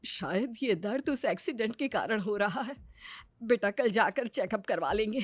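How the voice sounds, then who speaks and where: A caring, practical mother from a cartoon storybook, voiced by a woman. Her middle-pitched voice moves a lot as she fusses. The sound is dry and close. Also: animated, moderate pace, dry recording, lightly acted. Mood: worried. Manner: warm, fussing, practical.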